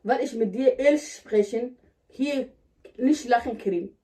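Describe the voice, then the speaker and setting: Higher-pitched woman, blunt and insistent. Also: unhurried, mellow. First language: Somali. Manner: blunt, insistent, in simple broken German. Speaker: vlogger staging a prank on husband. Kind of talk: casual home vlog talk. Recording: distant mic, indoor home recording.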